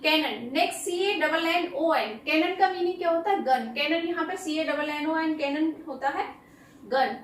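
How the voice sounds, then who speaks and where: A woman with an Indian accent teaching English words in Hindi, spelling them out letter by letter and reading example sentences very slowly. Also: high voice, echoey room, far from the mic, a little hiss or hum, poor audio. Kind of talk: Hindi-English vocabulary lesson.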